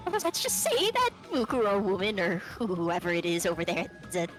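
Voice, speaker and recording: A woman's voice: mid-range voice, wildly swooping pitch, moderate pace, music in the background. A woman voicing a nervous, snappish young female writer in a casual fan dub. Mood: anxious.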